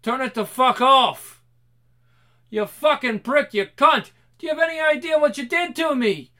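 Brief: a young grieving game character, high, bright, shouting at full force, profane. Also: male voice, normal speed. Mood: raging. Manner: screaming, furious, profane. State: shouting in rage. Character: young man raging over his dead girlfriend. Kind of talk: video game cutscene acting.

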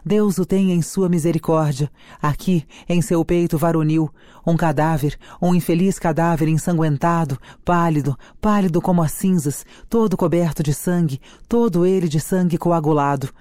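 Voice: mid-range voice, fairly even intonation, normal speed, mellow, dry recording, clean studio sound, lightly acted. A reader doing a fretful old nurse. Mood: grieving. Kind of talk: dramatic reading of a play.

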